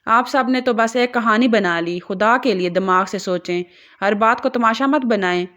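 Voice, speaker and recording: A woman's voice: a little high, fairly bright tone, highs cut off, natural voice. Bored, annoyed young man, dismissive, read by a woman narrator. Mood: irritated. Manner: tired, irritated. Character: weary irritated young man, dismissive son.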